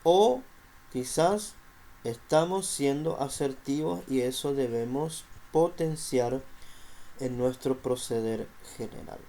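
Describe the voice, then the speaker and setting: Slow, mellow-voiced male teacher. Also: fairly high pitch. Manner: explanatory, uses rhetorical questions and filler "este". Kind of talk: recorded class lesson.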